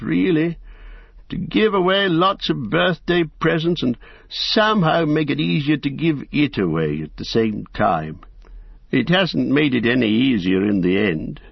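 A man putting on a fussy, excitable old hobbit who flutters high and swoops about in his speech, with a husky, gravelly edge underneath. He talks in eager, breathless bursts. The storybook recording is dry and a little dull. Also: no room sound, heavily acted.

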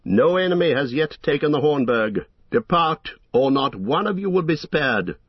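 A man voicing a noble warrior who speaks calmly, firmly and in a measured way, on a dull lo-fi recording. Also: on the high side, husky, dry recording, voice pushed up. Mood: commanding. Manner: calm, firm, measured. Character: noble male warrior-king, calm, commanding.

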